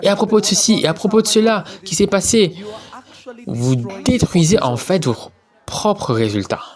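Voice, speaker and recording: Lively, exhorting preacher. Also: medium pitch, moderate pace. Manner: exhorting, addresses the congregation directly with commands and questions. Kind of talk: sermon.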